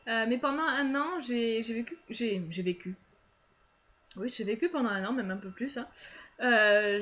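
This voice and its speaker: A woman's voice: medium pitch, a little hiss or hum. A young woman chatting to camera about books, full of hesitations and fillers. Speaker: book vlogger. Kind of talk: casual chat to camera. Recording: dull lo-fi sound.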